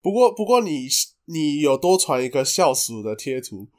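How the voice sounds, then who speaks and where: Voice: mid-range voice, very animated, moderate pace, darkish tone. A guest on a podcast, tossing in playful jokes and side comments in a casual chat.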